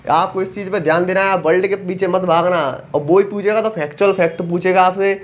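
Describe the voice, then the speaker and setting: Young male exam coach, high-pitched, blunt and colloquial, teasing the examiner. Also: steady tone, fast talker, highs cut off. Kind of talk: exam analysis talk to aspirants.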